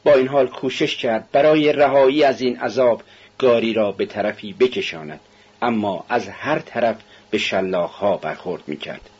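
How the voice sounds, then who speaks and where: A man's voice: mid-range voice, darkish tone, breathy edge. A man narrating a novel as an audiobook, telling it steadily and evenly. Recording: dull, muffled recording.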